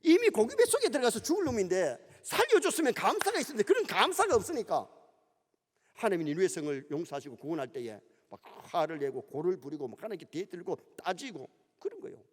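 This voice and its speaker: A middle-aged pastor with a Gyeongsang Korean accent, preaching a sermon in an animated storytelling manner in a church sanctuary. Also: male voice, sits high, quick pace. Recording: long church hall reverb.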